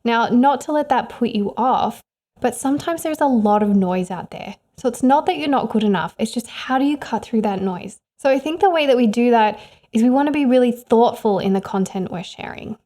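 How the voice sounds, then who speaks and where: A woman's voice: on the high side, lively intonation, brisk, dark tone. A woman, a freelance photographer, speaking to camera and giving candid, encouraging career advice in a conversational way. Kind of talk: direct-to-camera advice vlog.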